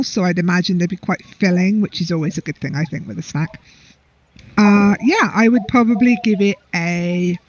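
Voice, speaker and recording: A woman's voice: mid-range voice, no echo. An English woman co-hosting a casual chat, chatty and rambling as she reviews snacks. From England. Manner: chatty, rambling, self-deprecating. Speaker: co-host. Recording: dull lo-fi audio.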